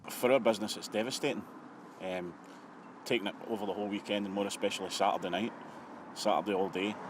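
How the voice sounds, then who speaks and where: Quick, low-voiced man amid clear noise. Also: steady tone. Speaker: local business interviewee. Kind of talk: unscripted news interview.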